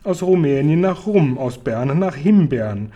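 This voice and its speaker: A man's voice: on the high side, animated, a little slow, dark tone, muffled recording. Smart little girl, man reading her lines, dry level questions, storybook read-aloud. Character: small, clever, patient young girl. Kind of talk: reading a children's book aloud.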